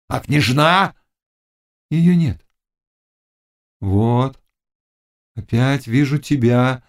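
A man voicing a fierce, mocking young witch and fortune-teller in an audiobook, chanting incantations in a high, loud voice. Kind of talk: audiobook character reading.

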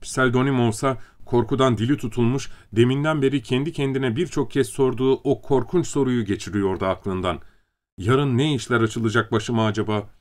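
Man, audiobook narrator, scripted narration, even mid pitch. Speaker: audiobook reader.

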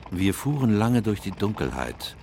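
Earnest doctor-narrator for radio play: low, expressive range, measured and reflective. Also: male voice, noisy background. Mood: sombre reflection. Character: Doctor Watson, earnest male doctor and troubled narrator. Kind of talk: radio drama narration and dialogue.

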